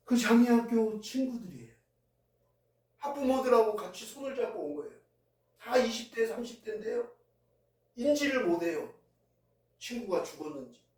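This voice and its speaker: A man's voice: extremely high pitch, animated, normal speed, long pauses, a little mellow. A male pastor preaching a sermon, telling a story in a conversational, heartfelt way in a church sanctuary. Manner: conversational storytelling, recounting events with feeling. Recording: very echoey hall, voice heard from a distance.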